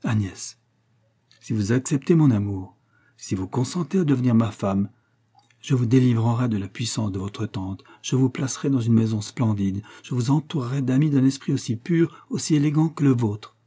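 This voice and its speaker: A man's voice: mid-range voice, normal speed, dark tone, breathy edge, natural voice. A man playing a heartbroken young suitor. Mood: passionate imploring. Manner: passionate, imploring.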